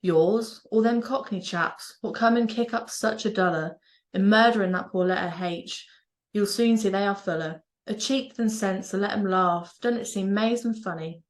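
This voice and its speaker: A woman's voice: mid-range voice, normal speed. A woman from Norfolk reciting dialect verse in a broad Norfolk accent. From Norfolk, East Anglia, England. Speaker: university lecturer.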